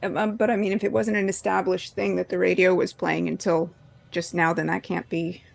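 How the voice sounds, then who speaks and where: A woman's voice: fairly low pitch, flat delivery, fairly quick, creaky. A woman playing a tabletop role-playing game, casually reasoning aloud and asking questions. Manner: analytical, questioning.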